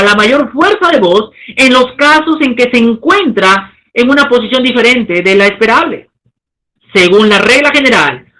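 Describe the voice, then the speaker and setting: Bright-voiced man teaching a lesson. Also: very high voice, poor audio. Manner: emphatic, asks rhetorical questions, stresses syllables slowly. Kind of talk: recorded lesson.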